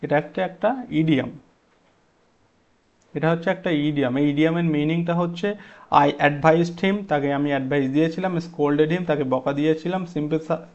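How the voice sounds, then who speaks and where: A man's voice: fairly high pitch, fairly even intonation, normal speed, darkish tone, muffled recording. A man teaching an exam-prep English grammar lesson, explaining step by step and asking his students questions.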